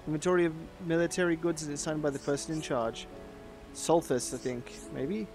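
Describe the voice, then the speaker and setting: A man's voice: a little high, fairly even intonation, fairly quick, darkish tone, faint music behind. A man chatting casually while playing a game and reading its dialogue aloud. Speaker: streamer. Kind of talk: casual gameplay commentary.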